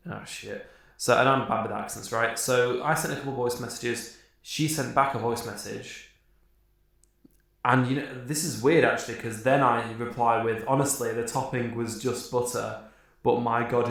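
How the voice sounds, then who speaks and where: A man's voice: mid-range voice, creaky, a bit bright. Rambling young man in an echoey room. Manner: rambling, laughs often, swears casually. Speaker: podcast co-host. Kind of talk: casual chat.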